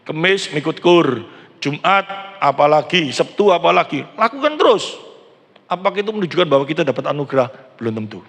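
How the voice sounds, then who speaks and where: A man's voice: fairly high pitch, animated, fairly quick, a bit bright. A man in his sixties with an East Javanese accent, preaching a chatty sermon and asking the congregation questions. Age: 60s. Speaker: pastor. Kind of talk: conversational sermon. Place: large church hall. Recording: reverberant church hall.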